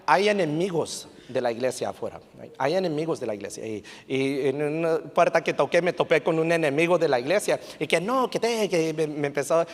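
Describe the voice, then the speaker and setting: A man preaching a sermon as pastor, telling stories in an animated way and sprinkling English fillers into his talk. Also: on the high side, brisk, hardly any pauses. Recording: long reverb of a church hall.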